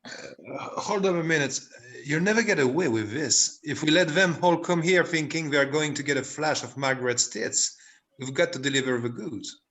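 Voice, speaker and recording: A man's voice: a little high, normal speed, fairly bright tone, natural voice. A man reading the part of a hesitant, stammering set builder in a village drama group. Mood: wry. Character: hesitant married man who builds the sets. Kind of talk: amateur play reading. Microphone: video call.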